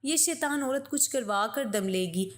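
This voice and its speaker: A woman's voice: high-pitched, expressive. Furious, abusive storybook father-in-law, voiced by a woman reader. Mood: angry. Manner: shouting, abusive. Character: angry shouting older father-in-law.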